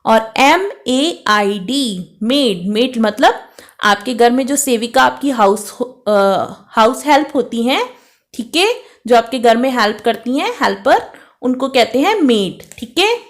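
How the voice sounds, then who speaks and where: A woman's voice: on the high side, expressive, slow pace. A woman teaching English words. She spells each word out letter by letter and keeps checking in with a rising "okay?". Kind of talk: explaining vocabulary lesson.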